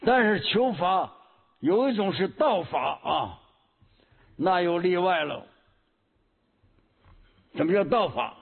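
A man preaches a Buddhist sermon in a slow, deliberate delivery, humming between phrases and going back over his key words. His voice sits high and swings widely in pitch, with a husky edge. It comes through a thin, phone-like recording. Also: expressive. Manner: slow, measured teaching with frequent hums and repetitions. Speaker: Buddhist teacher.

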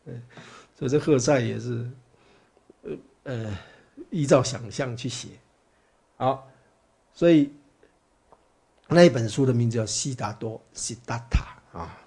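A man's voice: medium pitch, unhurried, vocal fry, pauses often, darkish tone, husky. A man giving a chatty Buddhist dharma talk as a teacher, full of fillers and rhetorical questions to his listeners. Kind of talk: dharma talk, storytelling lecture.

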